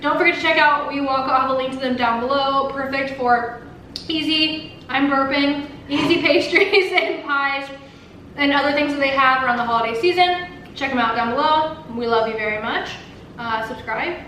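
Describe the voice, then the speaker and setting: A woman's voice: high-pitched, moderate pace, sharp tone. A woman hosting a casual mukbang vlog, chatting while she eats. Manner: chatty, talks while eating. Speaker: vlog host. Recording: echoey room, distant mic, faint noise.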